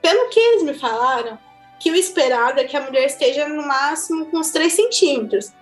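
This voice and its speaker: A woman with a Brazilian Portuguese accent, chatting casually as she tells her own birth story, animated and quick to laugh. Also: high voice. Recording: echoey room with faint music.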